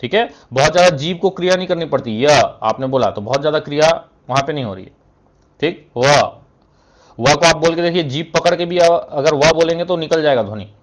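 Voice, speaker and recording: Brisk and lively in intonation, this slightly high-voiced man teaches Hindi in a classroom, working through steps and answering his own questions. "Thik hai" keeps popping up between his phrases, and he clears his throat every so often.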